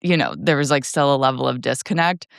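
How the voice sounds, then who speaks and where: A woman in her twenties tells a story in a loose, chatty way, full of fillers and laughter. Her voice is smooth and clear, and the mic is close and dry. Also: extremely low pitch, fast, no room sound. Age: 20s. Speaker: podcast co-host. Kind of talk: casual family chat.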